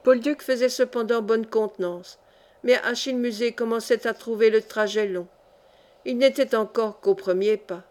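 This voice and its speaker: A woman reads a historical novel aloud in a clear, steady way. Her voice is somewhat high. The delivery is even and paced for an audiobook. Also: moderate pace. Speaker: audiobook reader.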